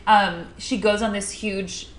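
A woman's voice: mid-range voice, steady tone, a little hiss or hum. Chatty woman podcast host, roomy sound. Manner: chatty, quick to laugh, trails off. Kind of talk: casual chat.

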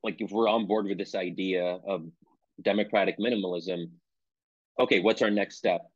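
A man from Pennsylvania, an author and interview guest, answers conversationally in a low voice with fairly even intonation at normal speed. He's reflective and self-qualifying, restarting frequently, and the recording is dull, dry and lo-fi without room sound.

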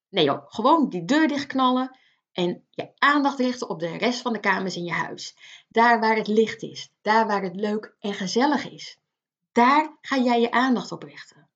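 Woman, motivational coach, direct and earnest, slightly high voice, muffled lo-fi recording. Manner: earnest, direct, speaking straight to the listener. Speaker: life coach. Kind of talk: motivational self-help talk.

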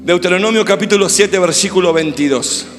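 A man preaching a sermon as pastor, shouting and calling on the congregation. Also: high voice, a little fast. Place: church. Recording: echoey hall with music.

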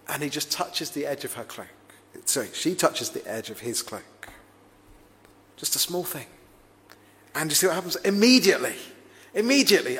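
A man's voice: mid-range voice, a bit bright, big-room sound. A man preaching a sermon in a reflective, conversational way, often asking his listeners rhetorical questions.

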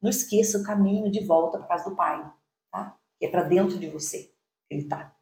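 A woman with a Brazilian Portuguese accent, a podcast co-host sharing a faith testimony in an animated storytelling way and laughing often. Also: on the low side, a little fast, roomy sound.

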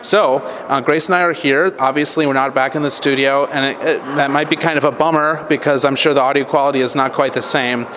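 A man's voice: mid-range voice, fairly even intonation, brisk, few pauses, a bit bright. An American man hosting a podcast conversationally, his voice echoing in a big hall. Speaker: podcast host. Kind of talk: conversational interviewing and commentary. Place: echoey, nearly empty state capitol hall. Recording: echoey big hall, faint background noise.

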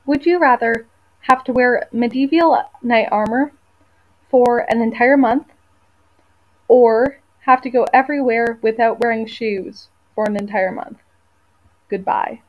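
A woman's voice: on the high side, a little slow. A woman with a Canadian accent leaving a short, cheerful voicemail question for a podcast. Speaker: voicemail caller. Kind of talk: recorded voicemail message. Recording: dull lo-fi voicemail.

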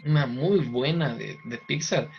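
An easygoing young man chats casually with friends. His voice sits at a middle pitch and he agrees along often. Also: unhurried, gravelly, lo-fi sound, slight background noise. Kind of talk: casual chat.

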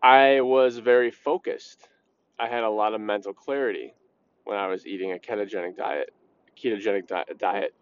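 A man's voice: on the low side, moderate pace, lo-fi sound. A young man hosting his own podcast, talking casually and bluntly, with the odd swear word. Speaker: podcast host. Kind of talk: casual solo podcast talk.

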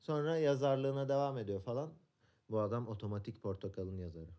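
Guy on a podcast, laid back storyteller, slangy, mid pitched. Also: brisk, mellow. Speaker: podcast co-host. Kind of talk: casual chat.

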